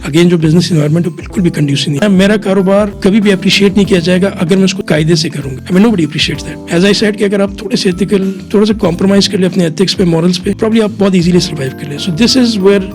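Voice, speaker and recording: Pakistani man explaining, fairly high voice. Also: fast, few pauses, darkish tone, soft background music. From Pakistan, Quetta. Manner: mixes English phrases into Urdu, frequent "theek hai". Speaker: guest, chartered accountant. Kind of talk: podcast interview, explaining at length.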